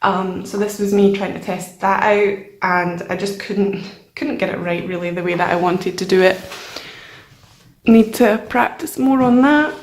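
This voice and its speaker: Echoey, slow-paced woman vlogging. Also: medium pitch. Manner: informal, hesitant, self-deprecating. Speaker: channel host showing a sketchbook. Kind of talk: casual chat, vlog voice-over. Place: nearly empty room indoors with only a desk. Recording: echoey, bare empty room.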